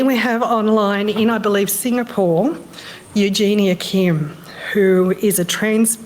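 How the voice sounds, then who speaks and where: A woman chairing a conference session and introducing speakers in a chatty way, a little hoarse as she is losing her voice. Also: medium pitch, a little mellow, slight background noise. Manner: chatty, with fillers. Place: conference room.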